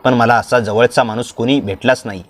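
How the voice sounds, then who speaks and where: A man voicing a married middle-aged aunt in a storybook reading, speaking softly and confidingly in his own voice. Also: mid-range voice, fairly even intonation, fairly quick, lightly acted.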